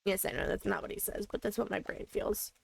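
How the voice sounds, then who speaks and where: A woman's voice: mid-range voice, steady tone, fairly quick, vocal fry, slightly rough, faint music behind. A woman streaming a video game live, chatting casually and thinking aloud as she plays. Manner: playful, answers chat.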